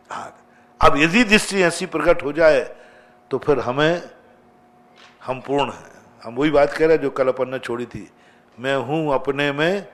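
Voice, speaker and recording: Slow-preaching man giving a sermon. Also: mid-range voice, fairly bright tone. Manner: slow, chanting scripture, rising to emphatic outbursts. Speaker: Jain monk preaching.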